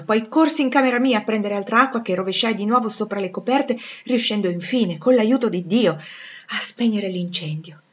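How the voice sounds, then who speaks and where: A woman reads a classic novel aloud with dramatic flair, dropping nearly to a whisper at tense moments. Her voice sits at a middling pitch. The recording sounds a bit dull and lo-fi. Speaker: audiobook reader. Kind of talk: expressive literary reading.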